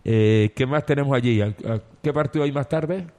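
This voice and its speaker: A man's voice: medium pitch, normal speed, darkish tone. A man co-hosting a casual football chat who asks questions and restarts his sentences often. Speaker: sports radio co-host.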